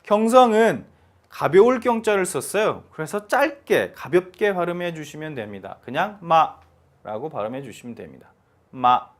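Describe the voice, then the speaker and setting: 남성 중국어 강사, 생동감 있는 억양. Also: male voice, normal speed. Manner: animated, emphatic, sings pitch demonstrations. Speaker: Chinese language teacher. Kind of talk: televised language lesson.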